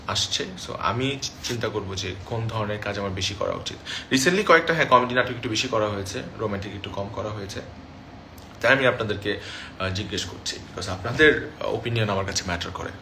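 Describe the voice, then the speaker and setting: On a phone livestream from his room, a young actor with a lowish voice reads out and responds to fans' comments. He talks briskly in a pushed, bright tone, chatty and dropping in English phrases, with slight background noise.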